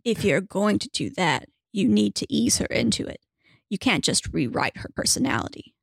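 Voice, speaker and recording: A woman's voice: medium pitch, very animated, normal speed, vocal fry, breathy edge, no room sound, clean studio sound, full character voice. A woman voicing a mischievous female spirit who teases in a casual, offhand way. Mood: teasing. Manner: casual, teasing.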